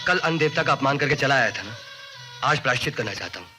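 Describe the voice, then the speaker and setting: A man's voice: medium pitch, expressive, fast, close to an everyday voice. Actor doing earnest young guy, coaxing and teasing, voice goes all over, film music under it. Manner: pleading then coaxing and teasing. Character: earnest young man, tender, playful and stubborn. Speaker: young man consoling a widowed woman. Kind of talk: 1980s Hindi film acting. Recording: film soundtrack with music beneath.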